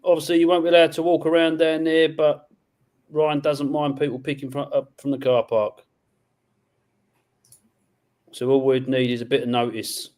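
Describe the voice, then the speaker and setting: Man, auction host, casual streamed chat, brisk and matter-of-fact. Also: fairly high pitch, flat delivery. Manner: brisk, counts down bids loudly.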